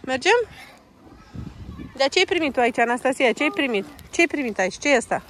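A woman from Romania with a high voice films herself on a handheld phone in a town park, speaking gently to her toddler. She coaxes her child in a sing-song way and drops English words into her speech. A faint hum of the outdoors sits behind her. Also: big pitch swings. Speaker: vlogger and mother. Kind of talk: casual vlog chat with her toddler.

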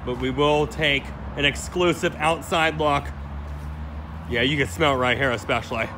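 A man's voice: medium pitch, normal speed, background noise. A man casually narrating a walk-around vlog outside a building, talking straight to his viewers with frequent exclamations, recorded on a handheld phone outdoors. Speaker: vlogger exploring abandoned places. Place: outdoors around an abandoned restaurant and its parking lot.

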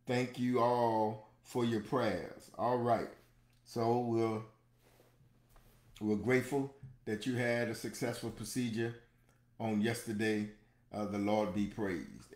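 A man leading a live devotional, still a little sore and recovering, who answers each viewer comment with a run of amens. His voice sits at an ordinary middle pitch. The room gives it a roomy echo. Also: a little mellow. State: recovering from a procedure, some soreness. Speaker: pastor. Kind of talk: live-streamed devotional talk.

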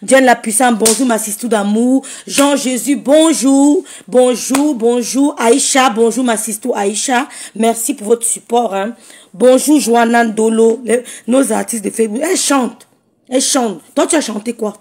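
A woman with a hoarse, croaky voice, chatting casually on a phone live stream and greeting viewers by name. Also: on the high side, unhurried, a little mellow.

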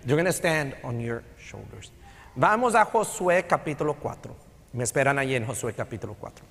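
This middle-aged Texan preacher speaks at medium pitch with a gravelly, slightly bright voice, very animated and at a normal speed. His sermon is conversational, in Spanish with a Texan accent and frequent English phrases. He stands on a large sanctuary stage, where the hall adds a long reverb.

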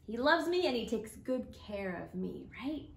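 A woman's voice: on the high side, sing-song, measured pace, creaky. A woman, a children's pastor, leading a children's church lesson with a craft, talking playfully and explaining step by step to kids.

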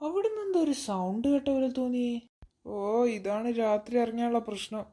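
A woman's voice: fairly high pitch, sing-song, fairly quick, mellow. A woman voicing a tired, jumpy woman home from work in a cartoon, muttering to herself. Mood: weary. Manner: muttering to herself, easily scared.

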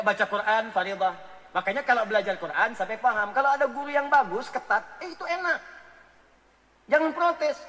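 High-voiced joking male preacher, reverberant hall. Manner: joking, animated storyteller addressing listeners directly. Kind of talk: radio sermon with anecdotes.

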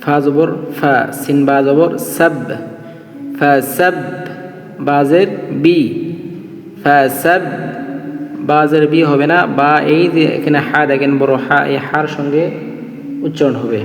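A man with a Bangladeshi Bengali accent teaching Tajweed, spelling out letters and vowels and then reciting the words slowly in a melodic chant. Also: fairly high pitch, steady tone. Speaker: Quran reading teacher. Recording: echoey, reverberant room.

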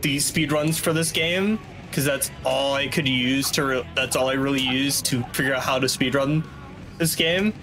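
Bright and forceful at a medium pitch, a man gives casual, rambling, wry commentary while running a video game speedrun, his intonation fairly even and his speed normal. He's in a small room at home, with the game's soundtrack music playing behind him.

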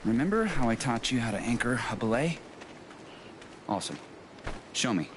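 An actor playing a calm, encouraging young outdoorsman in a video game, instructing reassuringly in short phrases. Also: mid-range voice, moderate pace, lightly acted. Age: young adult. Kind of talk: video game dramatic acting. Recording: clear ambient noise behind voice.

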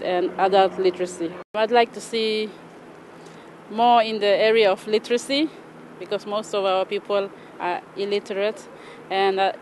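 A middle-aged woman with a Papua New Guinean accent speaks in measured, earnest phrases, pausing and restarting as she answers interview questions. She is recorded outdoors in a city by a stone wall, with faint background noise under her voice at a middle pitch. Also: darkish tone. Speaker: church program coordinator.

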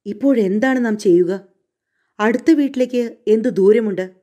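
Frightened young woman, urgent and pleading, pitched a little high — a woman reader takes the part. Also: normal speed, mellow, close to an everyday voice. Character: anxious young woman after a carriage crash.

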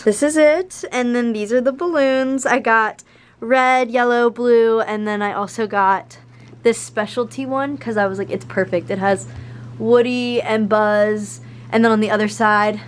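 A young adult woman chatting casually for a vlog in a bubbly, gushing sorority-girl manner, sprinkling in "like" often. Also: fairly high pitch. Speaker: vlogger, college sorority member. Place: indoors, dorm bedroom and large empty hall. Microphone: camera at arm's length. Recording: noisy room ambience.

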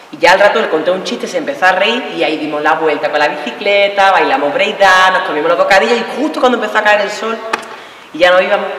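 A woman performing an earthy, animated live monologue before an audience. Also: lowish voice. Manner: lively, earthy, acts out scenes. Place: lecture hall with audience. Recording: echoey hall, distant mic, faint noise.

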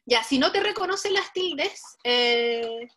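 A woman's voice: sits high, lively intonation, slow, a bit bright. A woman leading an online coding workshop, patiently explaining each step and speaking straight to the learners. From Chile. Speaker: workshop instructor. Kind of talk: live online coding tutorial.

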